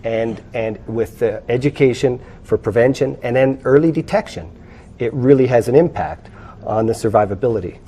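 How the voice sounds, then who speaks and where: Mellow-voiced man, earnest guest. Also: mid-range voice, normal speed. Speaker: foundation board member.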